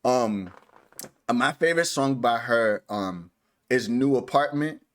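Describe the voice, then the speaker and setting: A man's voice: mid-range voice, measured pace. A man co-hosting a podcast in casual chat, rambling with many fillers and restarts. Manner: rambling, filler-heavy, laughs easily. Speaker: podcast co-host.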